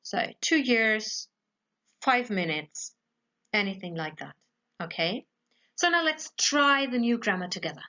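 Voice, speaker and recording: A woman's voice: on the high side, animated, measured pace, pauses often, sharp tone, muffled recording. A woman, an English teacher explaining grammar patiently step by step, often checking in with her pupils. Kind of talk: recorded grammar lesson for pupils.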